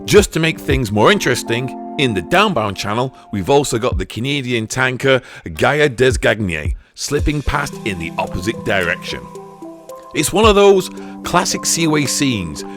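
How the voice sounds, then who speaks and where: A man narrating a scripted voice-over in a smooth, even, informative way. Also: mid-range voice, normal speed, music in the background.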